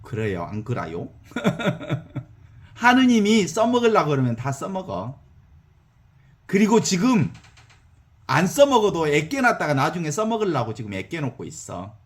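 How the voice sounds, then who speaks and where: Male priest, Jeolla accent, lively folksy sermon, fairly high voice. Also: unhurried. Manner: animated, folksy, asks the audience for assent.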